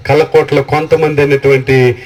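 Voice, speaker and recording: A man delivers a revival sermon at an open-air village meeting, his voice set high for a man. He builds repeated phrases and throws rhetorical questions at the crowd. The mic sits far from him, so he sounds distant. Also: level tone, normal speed, a little mellow. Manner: rising, repetitive preaching cadence with rhetorical questions. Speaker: preacher.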